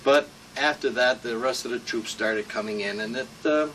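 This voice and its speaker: An elderly American war veteran rambles through salty, informal memories of his service in an oral-history interview. His mid-range voice has a fairly bright tone and a moderate pace. The mic sits at a distance, picking up room hum.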